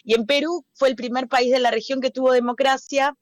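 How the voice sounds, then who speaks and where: A woman's voice: high-pitched, brisk, dry recording, clean studio sound. A woman, a poet guest speaking over a phone call with humor. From Peru, raised in Argentina. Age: 40s. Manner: humorous, relaxed. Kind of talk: casual interview over the phone. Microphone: phone call over a messaging app.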